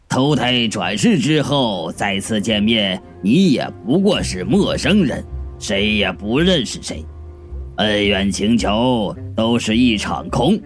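A man voicing an old Taoist priest who preaches slowly and gravely. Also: medium pitch, voice pushed down. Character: slow solemn old male Taoist priest. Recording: faint background music.

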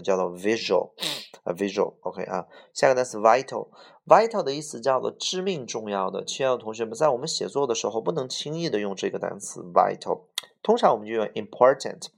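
A man teaches a vocabulary lesson. His voice sits a little low and has a gravelly edge. He works through the list word by word and repeats each English word several times. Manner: explains word by word, repeats English words with Chinese fillers.

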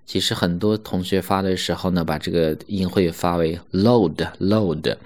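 A man teaching English pronunciation in an online lesson, slowly stretching out English words to demonstrate them. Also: deep voice, fairly even intonation. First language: Mandarin Chinese.

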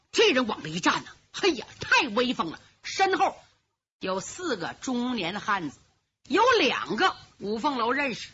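一位女评书艺人说书，嗓音高亮、明快，抑扬起伏极大，声情并茂，还会模仿拟声。录音有些发闷，像老磁带。. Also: female voice, high voice. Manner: lively, dramatic, vivid sound effects. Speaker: storyteller. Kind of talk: pingshu storytelling. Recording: lo-fi muffled recording.

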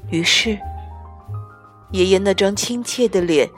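A woman reading a children's picture book aloud in a soft, unhurried, gentle way. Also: medium pitch. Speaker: storyteller. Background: soft music.

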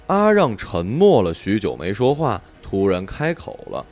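A man narrating an audiobook story in an expressive, animated storytelling manner. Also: lowish voice, measured pace, soft background music.

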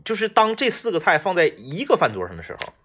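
A man's voice: high-pitched, fast talker, husky. A man, co-hosting a casual food chat and telling stories with acted-out quotes. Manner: storytelling, animated, acts out quoted voices. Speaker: podcast co-host.

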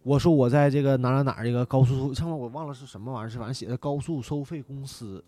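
A man telling a story in casual chat, animated and swearing, shouting out parts of the tale. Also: mid-range voice, rapid-fire, no room sound. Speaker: podcast guest.

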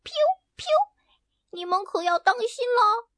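A woman voicing a small, brave, excitable female chick in a bedtime story, with squeaky, high chirping exclamations. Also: unhurried, dry recording, studio quality, exaggerated voice. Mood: excited chirping.

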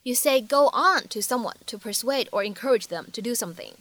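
Young woman teacher doing english pronunciation drills, high bright voice, says things slow and careful. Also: animated. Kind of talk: spoken English lesson.

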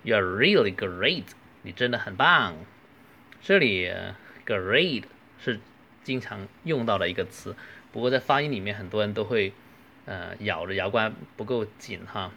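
A man with a Cantonese accent teaching English phrases, reading each line slowly and carefully, then explaining. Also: lowish voice, gravelly, bright, forceful tone, highs cut off, slight background noise. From southern China. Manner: slow, careful model phrases between quick explanations. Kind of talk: language lesson.

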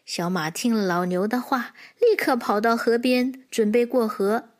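A woman presenting a children's program, reading a storybook aloud in a slow, expressive manner. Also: on the high side.

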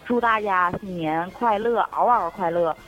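A woman's voice: mid-range voice, normal speed, a bit bright, muffled recording, soft background music. A woman from Northeast China giving a New Year greeting in a Northeastern Chinese accent.

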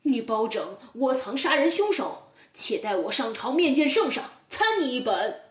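A man's voice: extremely high pitch, very animated, normal speed, a bit bright, roomy sound, distant mic, full character voice. A woman playing a haughty young nobleman. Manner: haughty, blustering.

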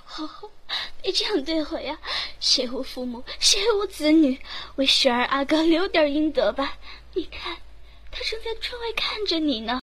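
A woman's voice: extremely high pitch, sing-song, normal speed, full character voice. A woman playing a suffering young female prisoner who pleads, cries and answers back defiantly. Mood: pleading. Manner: pleading and crying, then hushed and defiant. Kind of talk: period palace drama acting.

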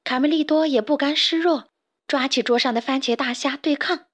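A woman narrating a children's storybook in a clear, lively storytelling manner. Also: high-pitched, moderate pace.

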